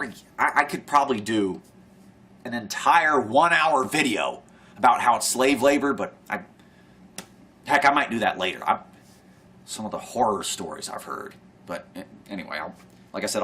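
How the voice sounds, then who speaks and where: A young adult vlogger talks to camera in a rambling, sardonic monologue, often sighing and trailing off mid-thought. His voice is fairly low yet bright, with a forceful tone.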